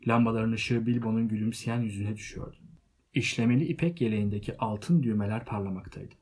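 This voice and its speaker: A man narrates a novel in a measured, steady reading. His voice sits low with a husky grain. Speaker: audiobook narrator. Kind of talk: scripted literary narration.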